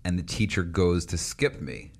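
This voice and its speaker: A man telling childhood stories in a casual chat, lively and laughing often, acting out quoted voices. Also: deep voice, moderate pace.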